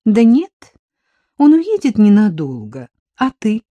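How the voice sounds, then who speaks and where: A woman's voice: fairly high pitch, wildly swooping pitch, mellow, no room sound, muffled recording, voice pushed up, full character voice. A woman voicing a flustered young woman, Amina. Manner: hurried, flustered answers. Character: woman Amina, anxious, covering nervous slips. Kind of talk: audiobook character dialogue.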